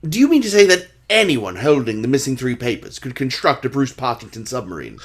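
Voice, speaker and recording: Husky, expressive Doctor Watson, acted by a man. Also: mid-range voice, brisk. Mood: inquiring. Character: Doctor Watson, earnest gentlemanly male companion and narrator. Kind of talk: radio play acting and narration.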